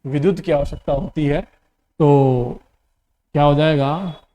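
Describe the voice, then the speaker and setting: A man's voice: fairly high pitch, fairly even intonation, slow pace, warm tone, slight background noise. A male teacher with a Rajasthani Hindi accent, giving a classroom lecture that dictates definitions. He keeps asking questions, repeats the answers himself and calls the students "beta".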